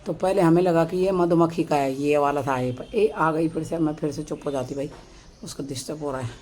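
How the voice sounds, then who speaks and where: A woman from Uttarakhand with a Pahadi Hindi accent, vlogging from her sunny rooftop balcony on a phone camera, keeping her voice low and soft so she does not scare the birds. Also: fairly quick. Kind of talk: casual vlog narration. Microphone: phone camera held by the speaker.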